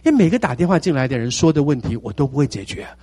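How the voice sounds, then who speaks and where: A man in his sixties with a Taiwanese Mandarin accent, a pastor telling his testimony in a sermon with animated storytelling and repeated phrases. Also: fairly high pitch, rapid-fire, breathy edge, no echo. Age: 60s.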